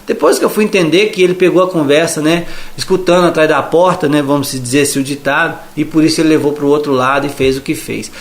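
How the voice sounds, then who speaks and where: A man's voice: on the high side, steady tone, fast talker, hardly any pauses. A man with a Brazilian accent giving a chatty religious testimony, retelling conversations as he goes. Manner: chatty retelling, acting out the dialogue. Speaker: evangelical believer giving testimony. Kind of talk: testimony storytelling.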